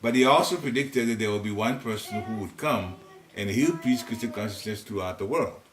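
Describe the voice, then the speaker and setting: This older man from Ghana has a lowish voice and a brisk delivery in his Ghanaian accent as he leads a devotional class at home. He gives informal spiritual teaching in a private living room, chatting and rambling with chuckling asides. Seated, he's captured by a room recorder at a distance, and the recording is roomy with faint hiss.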